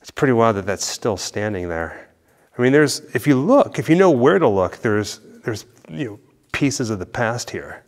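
Curious, chatty vlog host, medium-pitched man, asking questions while exploring. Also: big pitch swings, moderate pace. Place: large underground cave.

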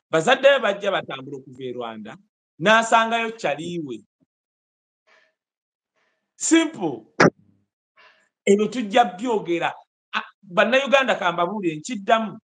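A Ugandan man in his forties giving emphatic, animated political commentary over a video call from an indoor room. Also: high-pitched. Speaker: host. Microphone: video call webcam.

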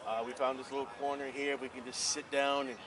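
At an outdoor market, a street preacher speaks quickly and flatly at medium pitch while casually but insistently engaging police officers. He earnestly talks over others, sounding distant against a crowded street.

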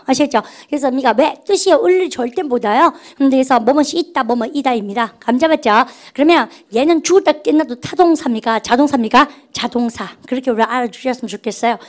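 A woman teaching a grammar lecture in a notably high voice. She drills her class with call-and-response prompts. Her delivery is chatty and playful, and she refers to herself as the teacher.

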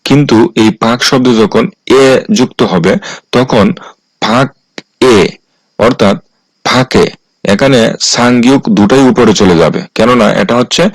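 A man teaches a language lesson at a mid pitch, going through each rule slowly and saying it again in new words. His voice is close and dry, with no room sound around it. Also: no echo, rough recording. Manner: slow and repetitive, restating each rule. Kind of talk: explaining rules in a lesson.

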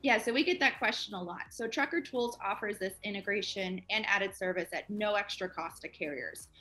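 A woman's voice: mid-range voice, a little fast, sharp tone. A woman in her twenties, a guest on a company interview, explaining eagerly over a video call. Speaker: project manager guest.

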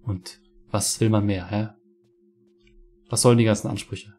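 Fairly low-pitched and dark, his voice runs a little slow with fairly even intonation. He's a streamer in his twenties from Mecklenburg-Vorpommern in Germany's northeast, casually chatting through a let's play from a home room with a webcam and headset, ranting about the game and swearing liberally.

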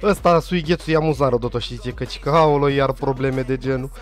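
A young man casually and jokingly recapping an anime episode, full of slang and quick asides. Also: medium pitch, fairly even intonation, soft background music. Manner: slangy, joking, puts on quick voices for characters. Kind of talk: casual comedic recap narration.

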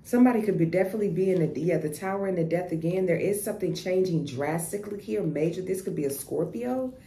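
A woman's voice: lowish voice, fast, mellow. A woman giving a casual tarot reading, blunt and profane, often repeating herself and restarting. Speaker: tarot reader. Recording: echoey room with faint noise.

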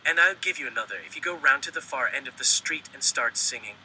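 A text-to-speech male voice reading the lines of a worried middle-aged innkeeper in a flat synthetic manner. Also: medium pitch, quick pace, slight background noise, low-quality recording.

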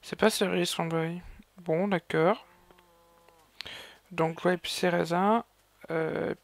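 Rambling man narrating his gameplay, gravelly voice. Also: high voice. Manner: rambling, hesitant, with many fillers and self-corrections. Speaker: gaming video host. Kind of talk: casual gameplay commentary. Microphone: raised gaming mic.

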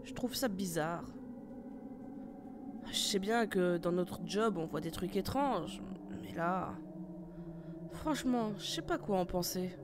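A woman's voice: on the low side, takes it slowly, pauses often, background noise. A woman voicing a tough female squad leader in an amateur horror audio drama, giving curt, commanding orders. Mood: steady. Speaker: team leader.

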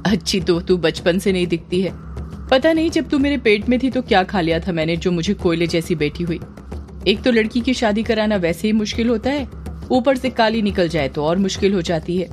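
A blunt, scheming village mother scolds with a sharp tongue, as a woman reads her part. Her voice sits at an ordinary middle pitch for a woman, and soft music plays beneath the storybook reading. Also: animated, a little fast, natural voice. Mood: scornful.

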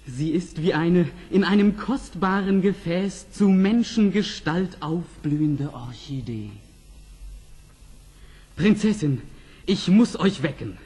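An actor playing an ardent, courteous young Persian prince in an earnest, declamatory fairy-tale radio play manner, with a husky voice. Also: male voice, sits high, animated, slow pace, darkish tone, heavily acted. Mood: awed.

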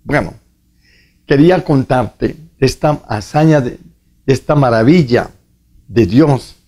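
A man, a priest, preaching and telling a testimony slowly and earnestly to the viewer. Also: medium pitch, a little mellow. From Colombia. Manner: slow, earnest storytelling, addressing the viewer directly.

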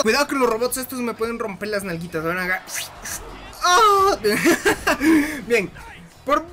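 A man giving casual gameplay commentary, excitable, laughing often and shrieking when hit. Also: extremely high pitch, slight background noise. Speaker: gaming commentator.

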